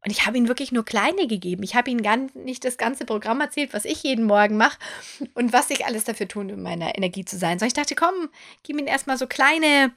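A German-speaking woman with a somewhat high voice talks through a solo podcast episode. She is chatty and expressive, and she slips into little acted-out inner thoughts as she goes. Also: fast talker. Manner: chatty and expressive, acts out her own thoughts in quoted asides. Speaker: podcast host; photographer and coach. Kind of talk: casual solo podcast monologue.

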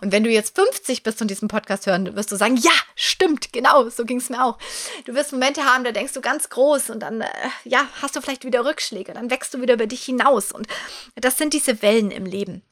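A woman in her forties hosting a podcast, talking straight to the listener in a personal motivational monologue, animated and encouraging. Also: fairly high pitch, fast. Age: 40s. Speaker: podcast host.

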